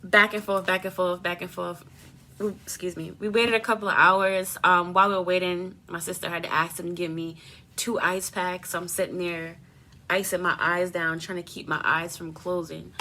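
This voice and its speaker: Animated woman telling a story. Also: lowish voice, moderate pace. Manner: animated, swears freely, lots of fillers. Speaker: beauty vlogger. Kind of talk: casual storytelling.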